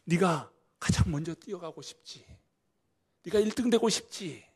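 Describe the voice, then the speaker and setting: A male pastor voicing Jesus as a tender, consoling man, asking soft questions that sink into whispers. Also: high voice, animated, moderate pace, slightly rough, pitched above the performer's own voice, full character voice. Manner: gentle questioning, sinking to whispers.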